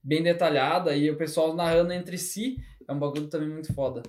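A man who runs the tabletop game, talking in fast, slangy, enthusiastic casual chat. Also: on the high side, roomy sound, background noise. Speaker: game master.

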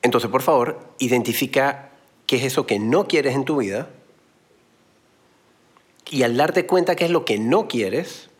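A man's voice: mid-range voice, a little slow, pauses often, slightly rough. A man giving a motivational talk, explaining with everyday analogies and blunt slang. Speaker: motivational speaker.

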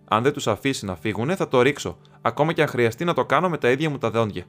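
A stubborn, loyal male hobbit servant with a fierce, gruff edge, as a man reading aloud voices him. He talks with blunt determination. Faint music plays beneath. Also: medium pitch, expressive, close to an everyday voice. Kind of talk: audiobook reading.

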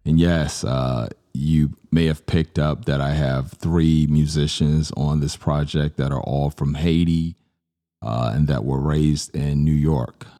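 A man's voice: very deep voice, fairly even intonation, takes it slowly, warm tone. A man from Virginia hosting a podcast, talking casually and earnestly about his album with plenty of filler sounds. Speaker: podcast host and music producer.

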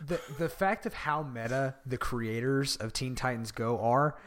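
A man's voice: mid-range voice, measured pace, a bit bright. A man co-hosting a casual podcast chat, a nerdy enthusiast who swears and laughs easily. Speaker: podcast co-host.

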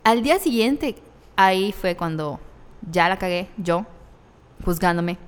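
Mexican girl telling a story on a podcast, smooth clear voice, lots of slang, roomy reverb. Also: mid-range voice, animated, a little slow. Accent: Mexican Spanish. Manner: candid, laughs through hard memories, slangy. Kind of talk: casual conversational storytelling.

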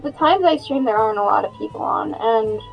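A woman's voice: on the high side, lively intonation, fairly quick, gravelly, lo-fi sound, faint music behind. A woman streamer guesting on a podcast, talking casually and hesitantly with lots of fillers. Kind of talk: casual chat.

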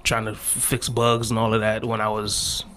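A man in his thirties from the Washington, D.C. area chats casually on a podcast as guest and co-host, relaxed and slangy, often restarting and repeating himself. His voice is on the low side at a normal speed.

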